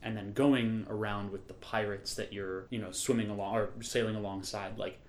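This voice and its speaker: A man's voice: on the low side, fairly even intonation, normal speed, a little mellow, reverberant. A man co-hosting a podcast in casual chat, talking in a rambling, enthusiastic way and correcting himself as he goes. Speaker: podcast co-host.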